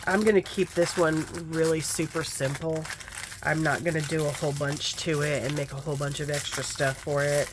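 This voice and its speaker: Low-pitched lady crafting and chatting away, rambly storyteller, faint hiss behind. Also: steady tone, normal speed. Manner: chatty storyteller, mutters to herself over her work. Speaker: craft vlogger. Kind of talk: casual chat while crafting.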